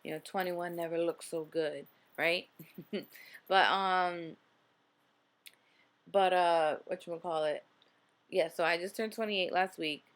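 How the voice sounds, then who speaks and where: Jersey girl late 20s, chatty motivational vlog, kinda low voice, lots of um and okay. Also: steady tone, slow, long pauses. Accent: New Jersey. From New Jersey. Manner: earnest, repetitive, lots of fillers and "okay?" check-ins. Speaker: vlogger host. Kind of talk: casual motivational vlog talk.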